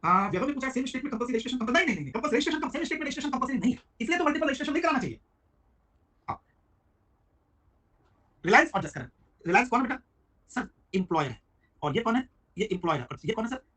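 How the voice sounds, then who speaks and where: Fast-talking man teaching a class. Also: extremely high pitch, very animated, sharp tone, husky. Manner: rapid, chatty, addresses students by name. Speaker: GST teacher. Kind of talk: live online class lecture.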